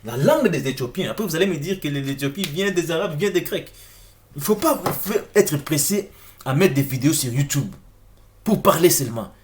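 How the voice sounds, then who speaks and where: A man's voice: on the high side, animated, fairly quick, slight background noise. A man giving an informal explanatory video talk, addressing viewers directly with questions and often repeating words as he searches for them. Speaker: presenter of an online video lecture. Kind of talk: informal explanatory talk over on-screen text.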